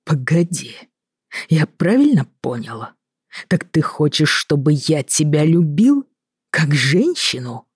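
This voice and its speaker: A cold, contemptuous sick man, put on by a woman narrator, rasping out slow, curt words in a hoarse, wheezy voice. His tone stays flat and dismissive, and the recording is dry and close. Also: low-pitched, no echo, full character voice. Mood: cold scorn. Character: ailing middle-aged man, cold and contemptuous.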